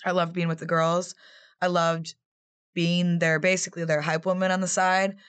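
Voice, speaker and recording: A woman's voice: on the low side, moderate pace, smooth. A woman in her twenties, a former player turned assistant coach, answering interview questions in a chatty way. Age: 20s. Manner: chatty, animated storytelling with quoted voices.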